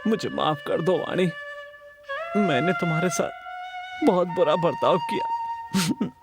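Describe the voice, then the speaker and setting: Fiery husband, swings high and emotional, raised pitch, film music behind. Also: male voice, very animated, normal speed. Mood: remorseful. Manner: emotional, outbursts. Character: hot-tempered husband turned remorseful. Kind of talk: Hindi film dub acting. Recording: dubbed film with loud score.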